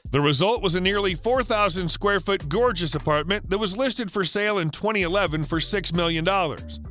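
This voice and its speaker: A male narrator with a high, bright voice reads a scripted biography in a steady, even delivery. Soft music sits faintly underneath the read.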